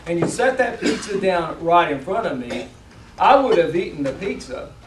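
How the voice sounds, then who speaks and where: A man giving a rehearsed motivational speech to an audience, with deliberate, emphatic phrasing and dramatic pauses. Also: a little high. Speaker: competition public speaker. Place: indoor room, speaking to a live audience. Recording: roomy, distant mic, faint background noise.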